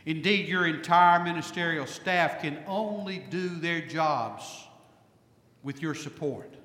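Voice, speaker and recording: Slow, emphatic preacher in an echoey hall. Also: male voice, high-pitched, a bit bright. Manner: slow, emphatic, repetitive phrasing. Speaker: pastor. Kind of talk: sermon.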